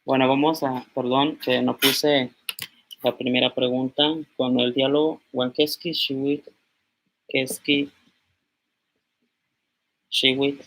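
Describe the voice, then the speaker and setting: Brief: man in his twenties from Mexico, bright voice, unhurried teacher who repeats each word. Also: medium pitch, level tone, vocal fry. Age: 20s. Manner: slow, repeats words aloud while writing on a board. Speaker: language teacher. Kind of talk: informal language lesson.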